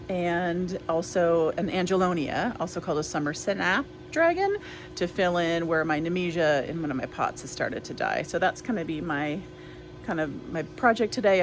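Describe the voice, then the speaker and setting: A woman with a slightly low voice rambles along in a relaxed chat while she potters around her garden, full of ums and uhs. She is recorded outdoors on a phone camera, with music playing clearly underneath. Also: low-quality recording. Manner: chatty, rambling, many fillers. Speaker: garden vlogger. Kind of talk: casual chat.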